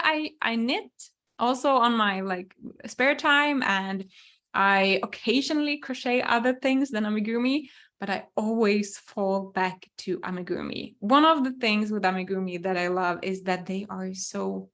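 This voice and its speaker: A young crochet designer from Finland, whose first language is Swedish, hosts a live webinar Q&A in English at a slow, easy pace. Speaking through a computer mic in a mid-range, slightly bright voice, she answers viewer questions, thinking aloud with frequent ums and small restarts.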